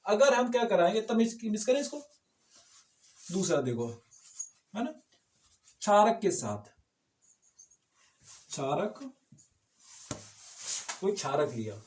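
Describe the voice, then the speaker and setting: Man, chemistry teacher, high voice, echoey room, keeps asking rhetorical questions. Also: big pitch swings, slow pace, pauses often, darkish tone, slight background noise. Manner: motivational asides, frequent rhetorical checks. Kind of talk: informal classroom lecture.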